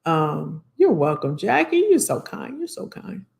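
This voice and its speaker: Taking viewer questions on careers in a laid-back livestream, this American woman speaks in folksy slang, repeats herself and sounds friendly and familiar. Her lowish, slightly hoarse voice is sing-song, unhurried and a little mellow.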